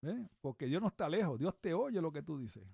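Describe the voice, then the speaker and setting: Animated preaching man, high dry voice. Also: brisk, gravelly, breathy edge, dry recording. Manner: animated, repeats questions, looks up verses aloud. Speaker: reverend and radio preacher. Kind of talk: conversational radio sermon.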